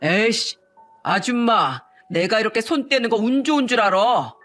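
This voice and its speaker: A woman's voice: fairly high pitch, lively intonation, normal speed, a bit bright, soft background music. Woman reading as a sneering con-man fiancé. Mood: angry. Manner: mocking, threatening, rude.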